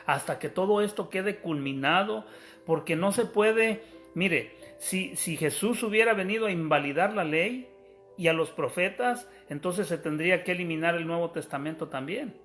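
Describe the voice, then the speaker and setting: A man's voice: high-pitched, moderate pace, a bit bright, soft background music. A man preaching a sermon, explaining scripture step by step, calling his listeners brothers and often restarting his sentences.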